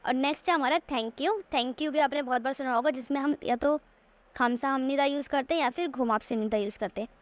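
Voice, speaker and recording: A woman teaching Korean in a slide-based lesson, patiently repeating words slowly to show their pronunciation. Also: high voice. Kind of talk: screen-share lesson explaining slides.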